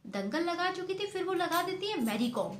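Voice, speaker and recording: A woman's voice: extremely high pitch, sing-song, moderate pace. A woman telling a family story in a homely, conversational way. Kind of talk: oral storytelling. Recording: echoey room, faint noise.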